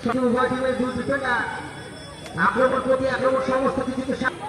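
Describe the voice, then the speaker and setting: High-pitched excited male football commentator, echoing outdoors. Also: fast talker, background noise. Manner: excited, exclamatory calls in short bursts. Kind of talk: live play-by-play football commentary. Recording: echoey outdoor PA, distant, crowd around.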